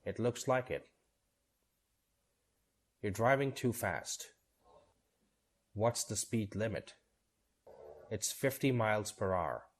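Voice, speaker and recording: Slow, low-voiced man reading practice dialogues. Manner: reads both sides of short dialogues in a steady, measured way. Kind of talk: scripted dialogue reading for learners.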